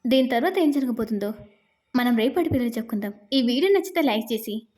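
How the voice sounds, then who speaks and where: A woman narrating a serial recap in a steady, plain storytelling manner. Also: a little high, quick pace.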